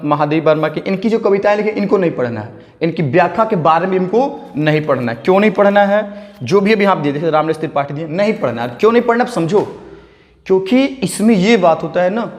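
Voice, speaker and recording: Young male teacher, high voice, coaxing, self-answering questions, reverberant hall. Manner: coaxing, asks and answers his own questions; mixes English words into speech. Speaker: exam prep teacher. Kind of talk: casual spoken lesson.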